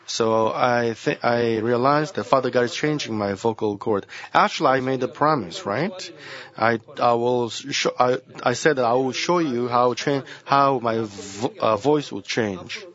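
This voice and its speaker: A man's voice: mid-range voice, measured pace, fairly bright tone, muffled recording. A man preaching a sermon as senior pastor, earnest and repeating his key phrases.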